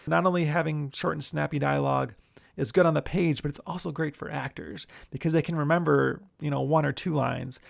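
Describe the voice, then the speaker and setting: A man who hosts a screenwriting show, giving writing tips in a relaxed, chatty way. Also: fairly high pitch, vocal fry, dry recording, clean studio sound. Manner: relaxed, chatty, many fillers. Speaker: screenwriter and podcast host. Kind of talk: casual instructional talk.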